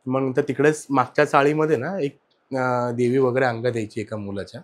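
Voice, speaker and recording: A man recounts a personal haunting as a podcast guest, in a casual and conversational way. His delivery is animated, with his voice swelling loud and then dropping soft as the story turns. He sits at a medium pitch, neither high nor low for a man. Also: a little fast. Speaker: guest sharing personal ghost experiences.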